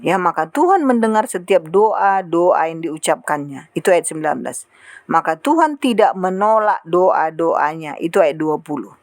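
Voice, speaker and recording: A woman preaching a sermon in an animated way, acting out the prayers and remarks she quotes. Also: on the low side, normal speed, dry recording.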